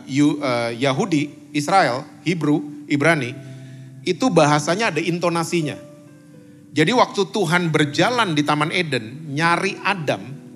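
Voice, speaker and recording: Brief: male pastor, talk-show guest, lively preacher who quizzes the room, faint music underneath. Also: a little high. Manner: animated, quizzes the audience, mixes in English words. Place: church meeting room.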